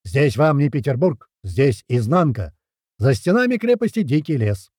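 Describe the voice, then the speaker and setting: A man doing a booming drill sergeant. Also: sing-song, moderate pace, warm tone, slightly rough, no room sound, studio quality. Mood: stern. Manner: barking, booming commands. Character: gruff male drill sergeant instructor, commanding.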